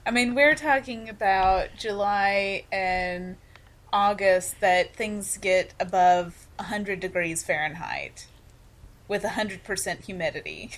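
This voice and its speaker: Slow-talking woman in casual banter. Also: mid-range voice, animated. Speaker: podcast co-host. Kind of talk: casual banter about a sci-fi series.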